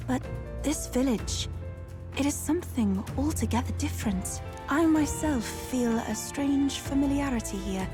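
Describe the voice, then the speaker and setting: A dignified young tribeswoman from a fantasy video game. Her voice sits fairly high, measured and earnest, phrasing things formally over clear background music. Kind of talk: dramatic fantasy game voice acting. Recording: game audio under loud music.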